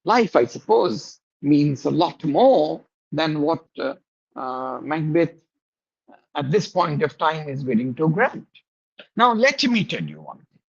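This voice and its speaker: A man teaching a class, explaining slowly with many pauses and fillers and asking his students questions. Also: on the high side, very animated, creaky, slightly rough, muffled recording. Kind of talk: classroom lecture.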